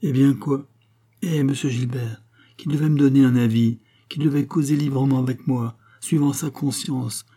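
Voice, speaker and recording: A man's voice: mid-range voice, steady tone, moderate pace, warm tone, voice pushed up, lightly acted. A man reading a novel aloud, playing a stubborn, fretful king who talks in an insistent, peevish way.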